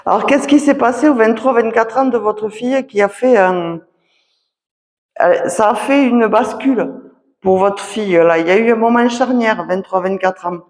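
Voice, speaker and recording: Speaking slowly in an echoing association conference hall, this magnetiser delivers readings at a public talk. Her voice runs on the high side with a darkish tone, and she halts often, dotting her phrases with "voilà" and "d'accord."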